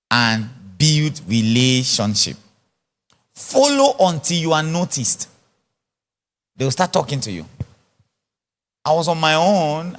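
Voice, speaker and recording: A man preaching at a conference, answering questions and telling stories in an animated way. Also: a little high. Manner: animated, storytelling, laughs often. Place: church conference hall. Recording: large echoey hall.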